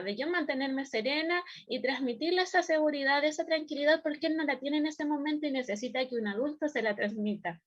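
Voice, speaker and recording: A woman with a Chilean accent gives a calm, explanatory church teaching on parenting and sometimes acts out a child's voice. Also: high-pitched. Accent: Chilean Spanish.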